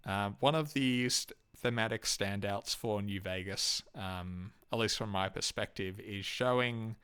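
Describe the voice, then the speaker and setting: A young Australian man rambles through his opinions in a loose, halting way, full of ums, uhs and restarts. His voice sits a little low and comes across smooth and clean. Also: sharp tone. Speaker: YouTube host ranking game companions. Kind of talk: casual unscripted commentary.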